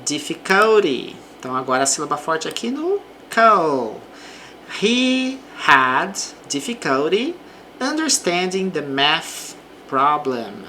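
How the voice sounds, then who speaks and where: Brazilian woman language teacher, unhurried and patient delivery, lively pitch. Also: slight background noise. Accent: Brazilian Portuguese. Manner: reads English example sentences slowly, then explains in Portuguese. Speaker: English teacher. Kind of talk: slow explanatory language lesson.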